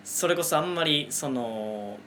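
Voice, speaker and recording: A man's voice: on the high side, animated, unhurried, a bit bright, a little hiss or hum. Polite, reflective man on a podcast. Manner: polite, reflective, self-critical. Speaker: aspiring race caller. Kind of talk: casual podcast chat.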